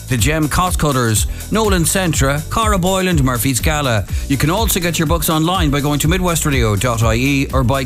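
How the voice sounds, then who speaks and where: An Irish man working as a radio bingo caller, reading out numbers in sing-song traditional phrases. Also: a little high. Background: music.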